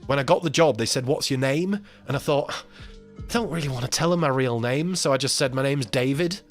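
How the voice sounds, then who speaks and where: A man's voice: medium pitch, fairly quick, faint music behind. A man hosting a live stream, telling a story in casual chat, acting out the voices of the people in it and laughing often. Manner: animated, acts out quoted voices, laughs often, swears.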